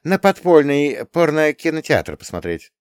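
A man voicing a cocky young auditor who speaks in a brash, animated way. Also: fairly high pitch, a little slow, smooth, dry recording, clean studio sound, pitched above the performer's own voice. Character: cocky, confident male auditor hero, young adult.

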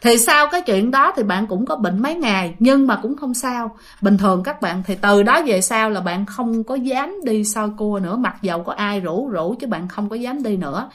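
A woman's voice: a little high, animated, normal speed, few pauses. A woman with a Southern Vietnamese accent, casually retelling ghost stories sent in by listeners, full of chatty fillers. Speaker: ghost story narrator.

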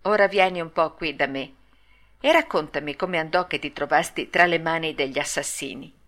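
A woman reading an audiobook and voicing a patient, motherly fairy who speaks calmly and slowly. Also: low voice. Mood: gently scolding. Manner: calm, patient, slow. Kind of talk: audiobook read-aloud.

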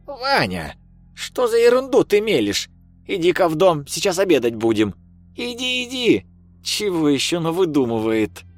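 A man's voice: a little high, huge pitch swings, moderate pace, faint music behind, pitched above the performer's own voice. A man reading a story, voicing a bossy elderly village grandmother who scolds and grumbles. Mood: scolding.

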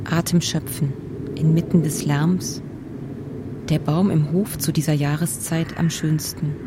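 Female narrator, contemplative literary feature, slow delivery, slight background hiss. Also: deep voice, steady tone. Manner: quiet, fragmentary, contemplative. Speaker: author narrator.

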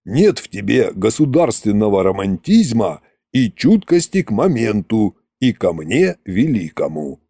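A man's voice: on the low side, sing-song, unhurried, hardly any pauses, dark tone, husky, no room sound, clean studio sound, voice pushed down, heavily acted. A man voicing a boastful, pompous immortal sorcerer king in an audiobook, grand and mocking. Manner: grand, self-satisfied, mocking. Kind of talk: audiobook character reading.

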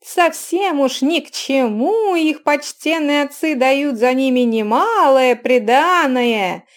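A woman voicing a pushy, flattering young male bazaar barker who calls out in high, drawn-out, loud cries. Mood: hawking.

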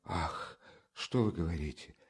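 A man voicing a frightened, tearful older mother in a spoken storybook, with a high, trembling, hushed voice. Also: lively intonation, slow, husky, full character voice. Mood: pleading hush.

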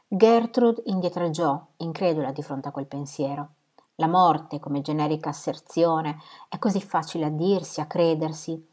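A woman reading a novel aloud in a lower voice. She reads with feeling, leaning into the drama of the scene, and her tone stays steady and measured. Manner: expressive, shouts out quoted cries and drops to a whisper for tense moments. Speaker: audiobook reader.

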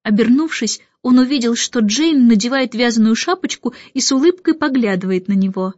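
A woman narrating a children's storybook in a lively, expressive way. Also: fairly high pitch, a little fast, dry recording, muffled recording. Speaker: audiobook reader.

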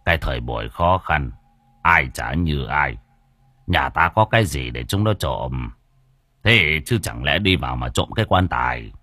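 A man voicing a kindly, calm elderly father who speaks in an unhurried, soothing and gently chiding way. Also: extremely low pitch, dry recording, pitched below the performer's own voice, heavily acted. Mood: dismissive.

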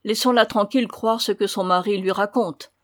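A woman doing a leering, muttering rough rider. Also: mid-range voice, steady tone, normal speed, lightly acted. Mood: sly.

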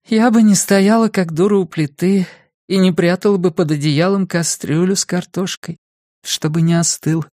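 A man's voice: steady tone, a little mellow, dry recording, studio quality, natural voice. A male audiobook reader voicing an emotional, scolding middle-aged mother who exclaims readily. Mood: reproachful. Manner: shrill, emotional, quick to exclaim. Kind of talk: audiobook character voice.

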